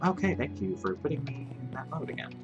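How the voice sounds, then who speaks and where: The recording sounds muffled as a fairly high-pitched young man, in his twenties, talks fast with big swings in pitch. He's a Twitch streamer rambling through casual play-by-play and mocking himself, with game music underneath.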